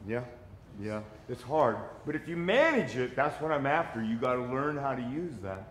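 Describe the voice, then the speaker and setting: A man's voice: mid-range voice, very animated, moderate pace. A man leading a group fitness class, calling out moves and counts with upbeat encouragement and frequent laughs. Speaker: fitness instructor. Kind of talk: coaching a live group class. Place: echoey gym with a group. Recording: echoey gym room, loud background noise.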